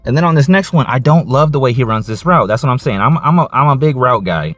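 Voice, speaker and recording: A man coaching and breaking down football game film, excited, casual, and repeating his catchphrases. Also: mid-range voice, fast talker, no echo, faint music behind.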